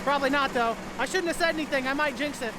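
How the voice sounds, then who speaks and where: A farmer hosting his own vlog, explaining things in a clear, methodical way with dry little asides. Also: extremely high pitch, quick pace, very noisy.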